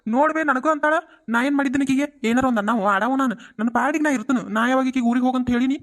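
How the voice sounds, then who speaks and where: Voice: high voice, rapid-fire, fairly bright tone, voice pushed down. Cartoon mother-in-law: whining, defensive old woman, voiced by the same performer. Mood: complaining. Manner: complaining, defensive.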